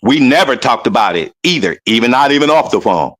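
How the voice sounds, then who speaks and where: A man in casual conversation, telling a rambling story and mimicking other people loudly as he goes. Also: medium pitch, very animated, a little fast. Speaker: guest.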